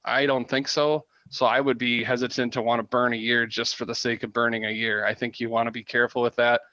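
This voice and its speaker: Male podcast guest, flat monotone delivery, restarts sentences, dry muffled mic. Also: medium pitch, brisk, no echo. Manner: hesitant restarts while giving opinions. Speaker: guest analyst. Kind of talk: casual sports talk.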